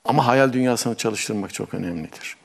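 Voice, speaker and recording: Gravelly man telling a fairy tale. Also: medium pitch, normal speed, long reverb tail. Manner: animated, acts out quoted voices. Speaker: guest storyteller. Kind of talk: talk show storytelling.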